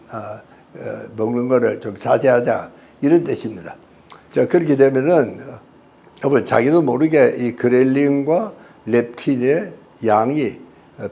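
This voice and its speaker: An older man giving an unhurried, folksy health talk with a gravelly voice and many fillers. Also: mid-range voice, mellow. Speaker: health lecturer.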